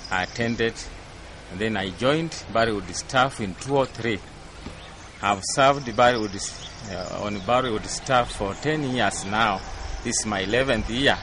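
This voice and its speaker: A man from Western Kenya on ministry staff, giving a steady, earnest personal testimony. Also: fairly low pitch, measured pace. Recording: noisy outdoor recording.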